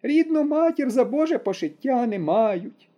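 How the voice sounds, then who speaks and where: A man doing a shrill wailing old village woman. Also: very animated, dark tone, muffled recording, heavily acted. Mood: preaching. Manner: lamenting, shrill and drawn-out.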